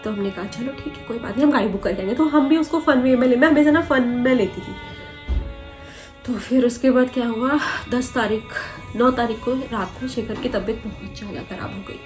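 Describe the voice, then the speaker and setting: A woman's voice: on the high side, brisk, a little mellow, faint music behind. A young woman vlogger retelling a hard personal story in a rambling, earnest way.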